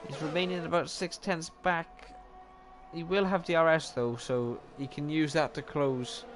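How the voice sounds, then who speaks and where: A young Welsh man with a slightly high voice speaks a little slowly, music in the background and steady noise underneath. He gives live, chatty commentary on an online racing league, often joking at his own expense and correcting himself.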